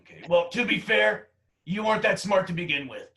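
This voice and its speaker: A man's voice: high-pitched, lively intonation, brisk, vocal fry, sharp tone, far from the mic, exaggerated voice. A man playing a crude, insulting male roommate with a smug, mocking manner, a bit off-mic.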